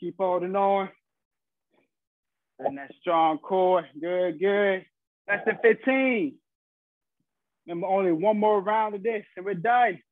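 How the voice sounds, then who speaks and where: A man's voice: high voice, takes it slowly, pauses often, dry recording. A young man working as a fitness instructor, coaching a live online workout class with short, encouraging cues and countdowns. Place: small carpeted room at home, indoors. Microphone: laptop or webcam mic on video call. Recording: muffled phone-like video call audio.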